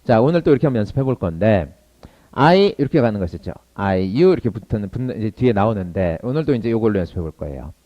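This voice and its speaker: Brisk, lively Korean English-lesson man. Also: on the low side, highs cut off. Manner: lively, brisk drilling with slowed model sentences. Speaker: English teacher.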